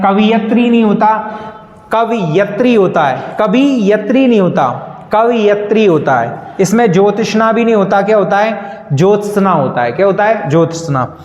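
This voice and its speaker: A man's voice: sits high, darkish tone. A man teaching Hindi spelling to students, asking questions and answering them himself, calling them "beta". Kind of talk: classroom lesson with call-and-response questions. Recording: echoey room, slightly dull sound.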